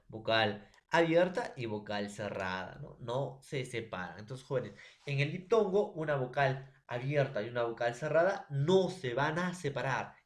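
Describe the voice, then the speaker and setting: A Peruvian man with a Peruvian Spanish accent teaching a recorded school lesson, explaining slowly with a homely story and often checking in with his students. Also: medium pitch.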